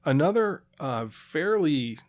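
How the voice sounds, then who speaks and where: A man's voice: a little high, very animated, slow. A man co-hosting a podcast, explaining at length with fillers and restarts and playful asides. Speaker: podcast co-host. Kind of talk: casual chat.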